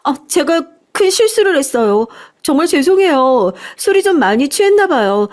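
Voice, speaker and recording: A woman acting out a young woman who goes shrill and defensive in a radio story. The voice sits high above the teller's own and pushes out loudly and sharply. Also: big pitch swings, moderate pace. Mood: pleading. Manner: shrill, defensive, then pleading. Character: shrill indignant young woman, friend caught stealing.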